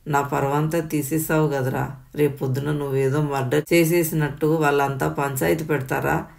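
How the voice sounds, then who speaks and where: A woman voicing a furious, abusive middle-aged father who yells and sneers at his family. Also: deep voice, flat delivery, normal speed, vocal fry. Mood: raging. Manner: yelling, sneering and scolding.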